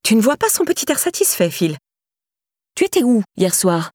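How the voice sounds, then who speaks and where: A woman's voice: fairly high pitch, sing-song, normal speed, darkish tone, no room sound, studio quality, voice pushed up. A woman voicing a scornful, hard-faced stepmother who sneers and needles. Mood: contemptuous.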